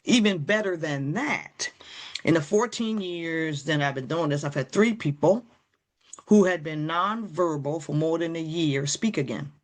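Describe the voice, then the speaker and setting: A middle-aged woman tells stories as a guest on a podcast. She talks in a lively, animated way and slips into voices for the people she quotes. She laughs often. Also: low-pitched, measured pace. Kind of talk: animated storytelling in a podcast chat.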